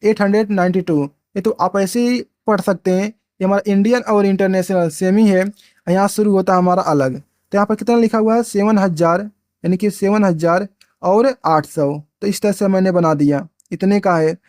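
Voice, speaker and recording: A man talks through a maths lesson in a high voice. He poses questions and answers them himself, repeating each step and dropping lower on single numbers. The sound is dry and close. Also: moderate pace, darkish tone, no echo. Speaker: maths teacher. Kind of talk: explaining at a board, step by step.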